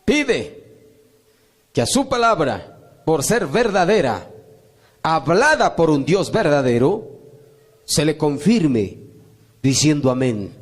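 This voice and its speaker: High-voiced man preaching an emphatic sermon. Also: big pitch swings, takes it slowly, long pauses. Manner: emphatic, repetitive preaching with rising calls of amen. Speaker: pastor.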